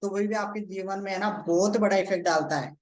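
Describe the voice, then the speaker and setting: A man's voice: sits high, steady tone. A man giving a live online motivational lesson, repeating himself and often checking in with the audience and asking them questions. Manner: keeps checking in with "ठीक है" and quizzing listeners; repeats phrases, explains slowly step by step. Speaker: motivational coach.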